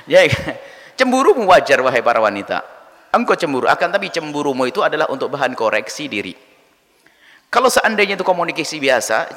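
A man preaching a sermon to a congregation, animated and lively, acting out quoted wives and husbands in small voices. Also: fairly high pitch. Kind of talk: sermon answering a question. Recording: long hall reverb.

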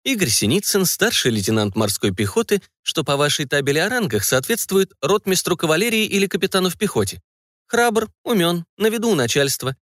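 A man voicing a confident young woman who speaks calmly and with dignity, in a dry recording. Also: fairly quick, no room sound. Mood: dignified. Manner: calm, composed, slightly raised pitch.

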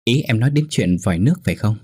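A man voicing a calm middle-aged husband who answers briefly and soothingly. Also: on the low side, quick pace, breathy edge.

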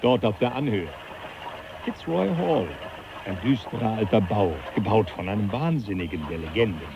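An actor playing a jovial, teasing professor who laughs often, in a radio play. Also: male voice, on the low side, lively intonation, normal speed, lo-fi sound, background noise. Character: jovial older male professor, mocking. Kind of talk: 1980s radio play acting.

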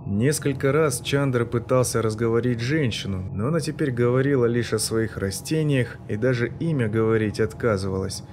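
A man narrating a science fiction audiobook in a steady, even reading voice. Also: medium pitch, normal speed, hardly any pauses, background noise. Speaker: audiobook reader. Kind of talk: scripted narration.

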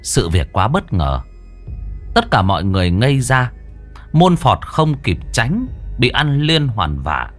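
Man telling a ghost story, low voice that swings a lot, faint music behind. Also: big pitch swings, measured pace. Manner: vivid, dramatic storytelling with crude slang.

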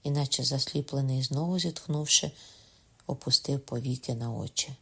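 A man narrating a historical novel as an audiobook, in a steady, measured reading. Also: medium pitch, gravelly, breathy edge. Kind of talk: scripted literary narration.

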